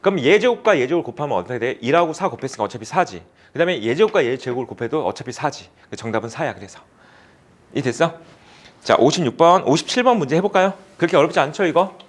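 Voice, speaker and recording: A man's voice: a little high, animated, fast. A man tutoring math in a cram school classroom, explaining problems and chatting casually with his students, teasing them. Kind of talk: classroom lecture with banter.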